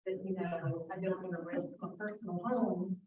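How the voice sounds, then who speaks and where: A woman's voice: lowish voice, fairly even intonation, normal speed, echoey room, far from the mic, narrow, tinny audio. A woman who owns rental property, speaking casually and hesitantly in broken-off phrases. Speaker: landlord asking for advice. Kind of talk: casual conversation.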